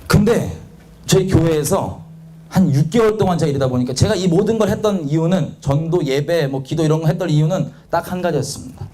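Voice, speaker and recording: A man's voice: fairly high pitch, fairly quick, warm tone. A man preaching a confessional testimony sermon, candid and self-mocking, acting out the voices of the people he quotes. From South Korea.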